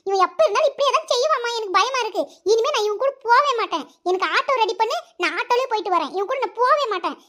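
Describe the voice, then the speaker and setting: A woman's voice: very high voice, expressive, quick pace, hardly any pauses, bright, forceful tone, heavily acted. A woman voicing a stubborn, whiny little sister in a cartoon who complains to her mother. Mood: whining. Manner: whining, complaining. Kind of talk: cartoon voice acting.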